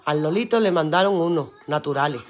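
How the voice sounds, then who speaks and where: A woman's voice: sits low, lively intonation, fairly quick. Brief: woman, live-stream seller, chatty and earthy, swears casually, laughs a lot. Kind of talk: casual live-stream chat reading viewer comments aloud.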